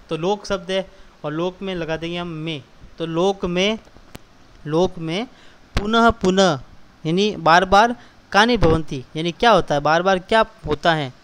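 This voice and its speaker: A man's voice: fairly high pitch, slight background noise. Patient male teacher explaining word by word. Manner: repeats and glosses each word, patient step-by-step explaining. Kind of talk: explaining textbook exercises to schoolchildren.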